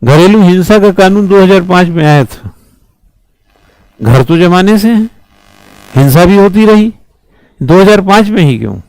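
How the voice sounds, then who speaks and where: A man with a high voice teaching an exam-prep lecture, driving points home with questions and repeated refrains. The sound is close and dry, with no room echo. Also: animated, a little slow, long pauses, darkish tone. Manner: emphatic, rhetorical questions and repeated slogans. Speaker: civil services exam teacher. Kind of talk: classroom lecture.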